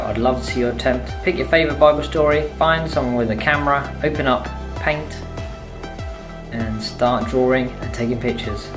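A narrator gives a scripted Bible reading for a church video in a clear, steady voice. Music plays prominently behind the narration, and the pitch stays in a comfortable middle range.

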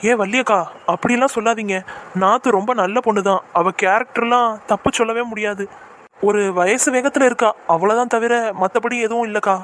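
A woman voicing a kind, patient young daughter-in-law in a cartoon, pleading and soft-spoken. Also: on the high side, fairly even intonation, fairly quick, lightly acted. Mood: earnest. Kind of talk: cartoon voice acting.

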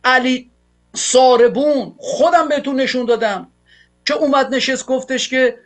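A man's voice: very high voice, steady tone, fairly bright tone. A male television host giving fiery political commentary, ranting angrily and hurling insults at his opponents. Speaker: TV show host.

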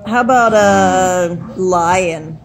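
A woman's voice: on the low side, drawn-out words, creaky, a little hiss or hum. A woman chatting and laughing with family, teasing someone about their animal noises. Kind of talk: casual family chat.

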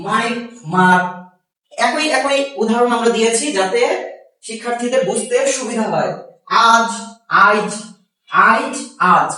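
A man with a Bangladeshi Bengali accent, teaching a grammar lesson slowly and repeating each example. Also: extremely high pitch. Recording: very echoey room, far from the mic.

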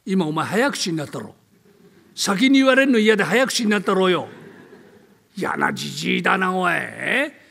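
An older man from Tokyo with a downtown Tokyo accent, playing a brash, bullying male tenant in a comic storytelling act, gruff and teasing. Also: high voice, very animated, normal speed, pushed and bright, in a large hall, heavily acted. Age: 70s. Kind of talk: rakugo storytelling.

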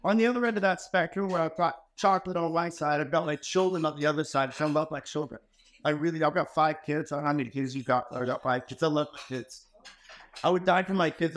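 A man in his forties giving a motivational keynote in an ornate wood-paneled hall, telling stories in an emphatic, conversational way into a handheld microphone. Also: on the high side. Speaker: keynote speaker.

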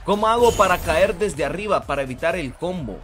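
A man's voice: high voice, expressive, fairly quick. A man streaming a fighting game, hyped and slangy, casually thanking viewers and calling out the action. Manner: hyped, slangy, repeats shout-outs. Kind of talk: casual live-stream commentary. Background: game music.

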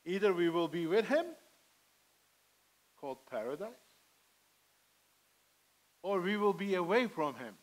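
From a church pulpit in a medium-sized sanctuary, a middle-aged Armenian-heritage pastor preaches with earnest pleading over a headset mic. His high-pitched voice is animated, measured in pace and punctuated by frequent pauses, though the recording is low quality.

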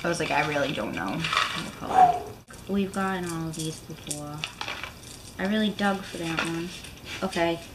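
A woman's voice: low-pitched, wildly swooping pitch, normal speed, pauses often. A young woman chatting casually through a taste-test game while eating jelly beans. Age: young adult. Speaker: jelly bean challenge player. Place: living room couch, indoors. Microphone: camera a short way off. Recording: clear background noise, home room.

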